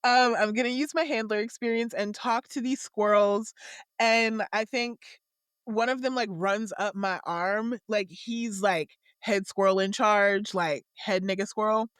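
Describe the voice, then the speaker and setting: A woman playing a tabletop game, describing her character's actions in long, animated run-on sentences. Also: medium pitch, a little slow, clean tone, no echo, clean studio sound. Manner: animated, laughing often, run-on storytelling. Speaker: player.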